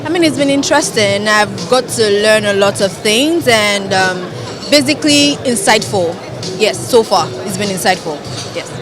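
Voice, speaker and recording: A business developer giving a vox pop interview, answering hesitantly and repeating herself. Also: female voice, medium pitch, expressive, normal speed, crowd noise. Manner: hesitant, repetitive. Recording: music playing behind.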